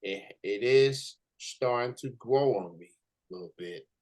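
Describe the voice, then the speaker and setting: An American man interviews a guest in a casual, conversational style. His voice sits at a middle pitch, and he talks haltingly, often doubling back on his words. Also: darkish tone. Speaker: interviewer, host.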